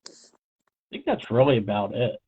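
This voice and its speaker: A man co-hosting a podcast in casual chat, rambling and halting with fillers and restarts. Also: mid-range voice, big pitch swings, background noise. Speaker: podcast co-host. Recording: phone-like narrow sound.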